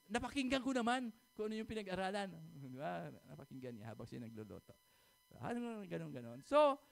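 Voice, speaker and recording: A man's voice: sits high, creaky. A man preaching a sermon, telling a testimony story and often asking his congregation "amen?" and "di ba?".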